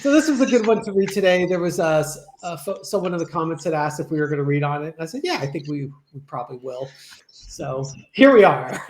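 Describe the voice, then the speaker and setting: A man's voice: a little high, brisk, slight background noise. Chatty man in a roomy echo. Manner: relaxed, chatty, laughs often. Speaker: tarot reader and co-host. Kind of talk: casual chat.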